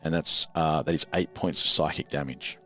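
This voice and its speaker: A man acting as dungeon master, narrating a tabletop game in a relaxed, wry way with many fillers. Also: rumbling low, moderate pace, faint music behind.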